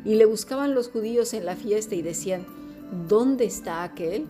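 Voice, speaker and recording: A woman's voice: medium pitch, normal speed, over music. A woman teaching a Bible lesson in a podcast, earnest and exhorting, asking rhetorical questions.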